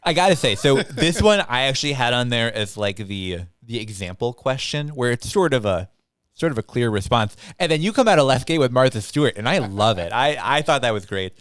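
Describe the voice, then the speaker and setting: A young man hosting a casual podcast chat, animated and quick, slipping into playful quoted voices. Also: mid-range voice, smooth, no room sound. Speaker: podcast host.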